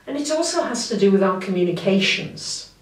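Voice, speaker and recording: A woman astrologer giving a monthly forecast in a gentle, unhurried, reflective way. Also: medium pitch, very animated. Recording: roomy, mic at a distance.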